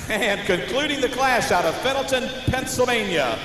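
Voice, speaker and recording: An American man working as a tractor pull announcer, introducing competitors live with showy, drawn-out names. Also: very high-pitched, lively intonation. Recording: noisy, echoing arena PA with long reverb.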